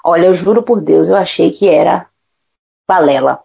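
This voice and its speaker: A woman's voice: lowish voice, normal speed, creaky, husky. A woman from Salvador, Brazil, a singer telling a story in casual chat, acting out the voices of the people in it and swearing freely. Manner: animated, acts out quoted dialogue, swears casually. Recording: dull lo-fi recording.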